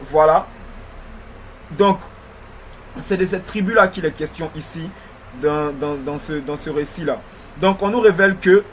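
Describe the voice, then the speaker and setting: A man with a high voice and a slight lisp delivers a religious history lecture. He is didactic, repeating phrases and pausing to check he is followed. Faint noise sits behind the voice. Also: a bit bright. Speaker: religious teacher.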